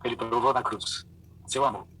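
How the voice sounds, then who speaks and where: A man, a pastor and psychologist, preaching with animated storytelling and acting out voices. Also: mid-range voice, normal speed, breathy edge, distant mic, low-quality recording. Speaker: pastor and psychologist giving a talk. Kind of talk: sermon with acted-out stories.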